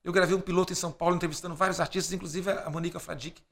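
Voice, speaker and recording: Fast-talking gravelly man telling stories. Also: high-pitched. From Brazil. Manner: acts out dialogue in quoted voices; lively storyteller, laughs between lines. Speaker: podcast guest. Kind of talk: animated anecdote telling.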